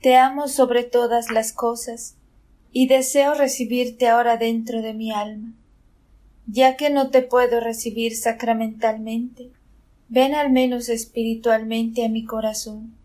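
Female prayer reader, fairly high voice, flat and solemn delivery. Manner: measured, solemn. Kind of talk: devotional prayer read aloud.

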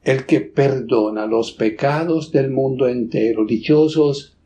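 A man leading Mass as a priest, reciting liturgical prayers in a solemn, measured manner. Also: medium pitch, mellow, slight background noise. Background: congregation voices.

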